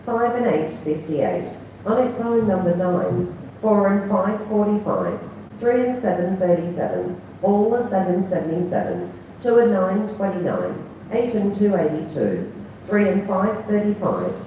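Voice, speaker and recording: An echoey female bingo caller announces numbers in a formulaic chant, reading each digit and then the full number. Her voice is medium in pitch and dark in tone, with lively intonation and an unhurried pace. The distant mic picks up a large, echoey bingo hall with faint background noise.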